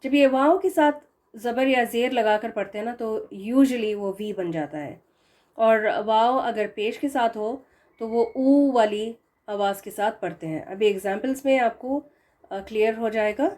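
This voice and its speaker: Female teacher, somewhat high pitch, patient explainer who drills words slowly. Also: a little mellow. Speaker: Quran recitation teacher. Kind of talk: explaining pronunciation lesson.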